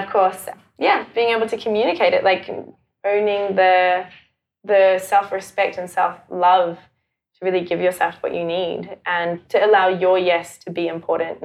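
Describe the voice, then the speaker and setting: A South African woman who later lived in New Zealand appears as a podcast guest, a facilitator of sexuality and mindfulness. She talks casually and informally in a lowish, gravelly voice, with animated phrasing peppered with "like."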